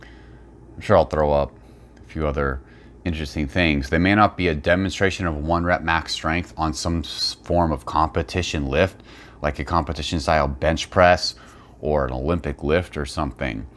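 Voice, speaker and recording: Low-voiced man, blunt commentary. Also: steady tone, normal speed, fairly bright tone. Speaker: fitness video creator. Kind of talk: unscripted response-video commentary.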